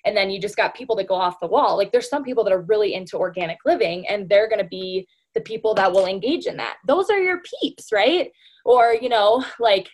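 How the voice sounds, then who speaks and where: A woman giving a casual motivational talk to her sales team, chatty and full of "like" and "you know", often calling her listeners "you guys". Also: medium pitch. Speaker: speaker training a sales team.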